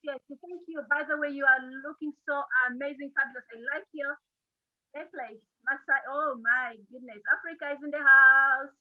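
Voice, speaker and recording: A woman hosts an online interview show, introducing her guest with effusive praise and plenty of halting fillers. Her voice sits a little high. It comes through a thin, phone-like line. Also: fairly even intonation. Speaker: show host.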